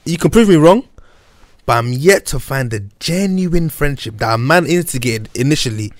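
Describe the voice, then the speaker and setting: A man's voice: a little high, lively intonation, normal speed, no echo. A young man with a London roadman accent chats casually in a group. He speaks in thick slang and often chimes in, heard close and dry. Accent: London, urban roadman slang. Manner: slangy, interjecting.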